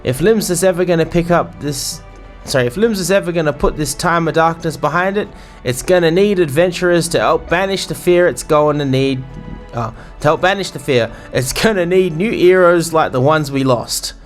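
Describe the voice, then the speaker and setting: A man's voice: fairly high pitch, moderate pace, soft background music, pitched above the performer's own voice, lightly acted. A man voicing a boisterous, bawdy male sailor innkeeper in a put-on English pirate accent, full of salty slang. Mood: jovial. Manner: salty slang, rambling banter.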